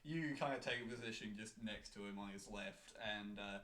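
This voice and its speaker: A man narrating as game master of a tabletop role-playing game, slow and halting, with many ums. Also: lowish voice, a bit bright.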